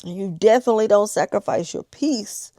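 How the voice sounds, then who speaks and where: A woman talks casually and openly, as if confiding in her vlog viewers. Her voice has a noticeable creak and a slightly toothless softness to the consonants. She repeats phrases for emphasis, and the recording is dry with very little room sound. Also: mid-range voice, fairly quick, dry recording. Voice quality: missing-teeth, slightly slushy toothless articulation. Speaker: vlogger. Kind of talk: casual confessional vlog chat. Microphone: small handheld vlogging camera.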